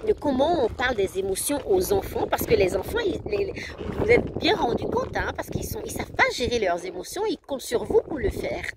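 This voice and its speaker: A woman's voice: on the high side, a little fast, hardly any pauses, heavy background noise. A woman in her thirties, a parenting coach, talking casually and animatedly to the camera. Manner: animated, acts out her children's voices.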